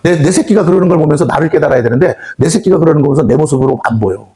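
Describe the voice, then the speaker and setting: A male pastor preaches a fiery revival sermon in a church hall, talking fast in a husky, somewhat high voice. His pitch swings widely as he scolds the congregation bluntly and slips into acted voices of God, the devil and children. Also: animated, dark tone. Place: prayer house church hall.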